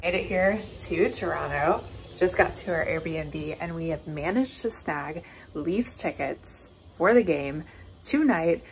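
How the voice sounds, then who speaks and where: A woman's voice: low voice, lively intonation, slow. Woman, travel vlogger, upbeat chatty narration, handheld camera, noisy outdoor audio. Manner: upbeat, chatty, describing the route as she goes. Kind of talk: casual travel vlog narration. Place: outdoors on hiking trails and city streets.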